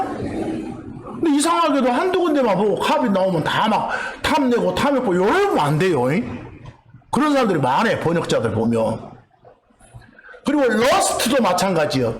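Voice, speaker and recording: A man's voice: very high voice, slight background noise. A man preaching with a Jeolla accent, teaching from the pulpit and quizzing the congregation with repeated questions. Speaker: pastor. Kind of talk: teaching sermon. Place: church sanctuary. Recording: echoey church hall.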